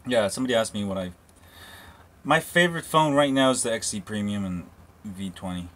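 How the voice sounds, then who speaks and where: A man's voice: on the low side, animated, brisk, a bit bright. A man live-streaming on a handheld phone, chatting loosely with viewers about phones and whatever comes up, wandering outdoors now and then. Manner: rambling, loose, full of restarts and asides. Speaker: tech live-streamer answering viewer questions. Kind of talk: casual live-stream chat. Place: walking around, partly outdoors.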